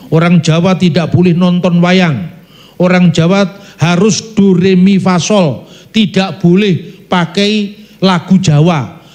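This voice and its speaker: High-voiced preacher, animated. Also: male voice, slow. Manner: animated storytelling, addresses congregation, sings snatches of song. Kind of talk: sermon.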